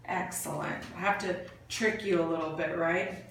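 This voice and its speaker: A woman's voice: lowish voice, fairly even intonation, normal speed, fairly bright tone. A woman clinician giving step-by-step exam instructions in an encouraging way, with short bits of praise. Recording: very echoey room, distant mic, faint noise.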